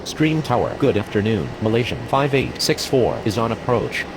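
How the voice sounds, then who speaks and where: A man with a mid-pitched voice gives short, formal radio calls in the manner of a pilot on a headset. Clear noise runs behind the voice. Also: lively intonation, moderate pace. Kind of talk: clipped aviation radio phraseology, like a pilot on a headset.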